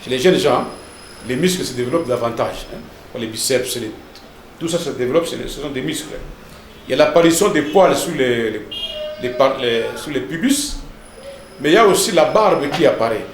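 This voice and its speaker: Pastor teaching in an echoey room. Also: male voice, mid-range voice, animated, moderate pace, a little hiss or hum. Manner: didactic, repeats words and tags lines with "hein" and "n'est-ce pas".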